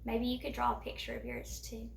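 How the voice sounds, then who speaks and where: Lady reading a kids story out loud, high sing-songy voice, bit gravelly, echoey room and off mic. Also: a little fast, slight background noise. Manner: animated, sing-song storybook delivery; chatty, addresses children directly. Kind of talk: reading a picture book aloud. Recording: roomy echo, a distance from the mic.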